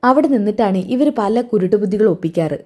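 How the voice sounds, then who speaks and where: A woman's voice: mid-range voice, expressive, a little fast, mellow. A woman narrating a TV serial episode in a casual, chatty retelling, tossing asides to her listeners.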